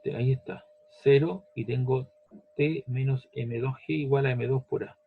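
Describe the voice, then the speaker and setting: Gravelly-voiced man teaching physics patiently. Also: mid-range voice, steady tone, normal speed, narrow, tinny audio. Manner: patient, repeats steps, asks "¿ves?" and "¿cierto?". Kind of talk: step-by-step lesson.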